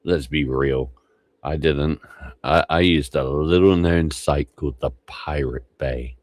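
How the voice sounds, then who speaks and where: A man's voice: very deep voice, fairly even intonation, takes it slowly, no echo, studio quality. A tired man rambling and swearing casually as he streams live reaction commentary. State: tired, low energy.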